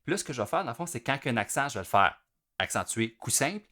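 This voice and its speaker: A man with a Québécois French accent teaching drums, explaining each step in a relaxed way as he demonstrates at the kit. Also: medium pitch, rapid-fire. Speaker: drum teacher. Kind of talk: explanatory music lesson. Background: loud drum kit playing between phrases.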